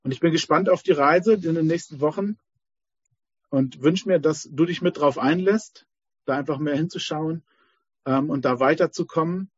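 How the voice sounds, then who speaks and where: A man's voice: fairly high pitch, moderate pace, husky, no echo. A man leading a course who tells a parable in a hesitant way, with many fillers, on a dull, dry lo-fi recording. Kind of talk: spoken talk with a told parable.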